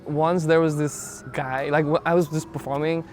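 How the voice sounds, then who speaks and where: A man's voice: on the high side, flat delivery, normal speed, darkish tone, faint music behind. A man, talking hesitantly in a documentary interview and leaning on "like" as a filler. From Nepal. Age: 20s. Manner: hesitant, rambling, heavy use of "like" as a filler.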